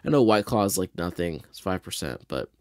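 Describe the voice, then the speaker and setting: A mildly tipsy man hosts a podcast, casually rambling through audio reactions and commentary, hesitant and laid-back as he thinks aloud. His low voice is sing-song, brisk and smooth, recorded dry in studio quality.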